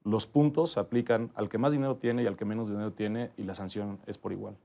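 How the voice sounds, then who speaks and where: Fast-talking man explaining policy. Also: fairly low pitch, steady tone, vocal fry, warm tone. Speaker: guest, transport policy official. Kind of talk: interview answers.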